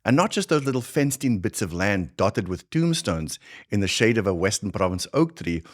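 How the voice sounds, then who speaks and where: An older Afrikaner man tells his tale in a heavy Afrikaans South African accent, as a man reads it aloud. His voice sits very low and he lays the story out slowly and deliberately. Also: very animated. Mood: solemn, wry. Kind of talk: dramatic reading of a short story.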